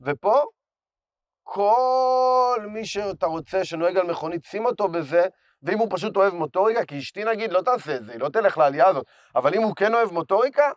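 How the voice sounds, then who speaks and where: A hoarse man talking with animated enthusiasm in a casual chat. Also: sits high, dry recording, studio quality.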